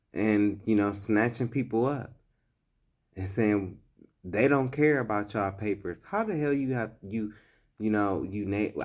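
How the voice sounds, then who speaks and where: A man delivering blunt, emphatic vlog commentary in an unhurried, deliberate way. His voice sits somewhat low. He reads old scripture passages and then explains them in plain, direct talk. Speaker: vlogger giving commentary.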